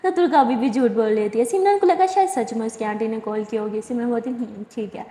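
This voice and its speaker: A woman's voice: fairly high pitch, expressive, fast talker, dark tone. A woman telling a love story in a chatty, casual way and correcting herself as she goes. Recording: echoey room with long reverb.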